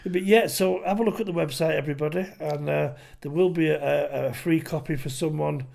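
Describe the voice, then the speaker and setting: A man's voice: fairly high pitch, a little fast, vocal fry. A man in his late fifties hosting a casual podcast interview, encouraging and calling his guest "mate". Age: 50s. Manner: warm, encouraging, frequent "yeah", calls guest "mate". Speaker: podcast host.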